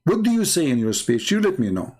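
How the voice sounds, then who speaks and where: Brisk and husky, with a darkish tone, a slightly high pitch and big swings in intonation, this man hosts a casual live show. Arabic is his native tongue and he's from the Middle East, speaking with an Arabic accent. As a religious apologist, he mocks sarcastically and hammers points home by repeating phrases.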